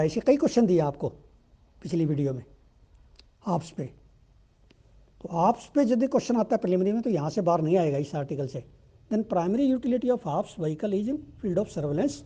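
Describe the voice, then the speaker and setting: Dark-voiced Indian man teaching exam prep. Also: sits high. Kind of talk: explaining current-affairs exam questions.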